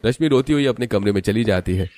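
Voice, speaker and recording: A man narrating a cartoon story in an even, matter-of-fact way. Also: on the low side, quick pace, a little hiss or hum.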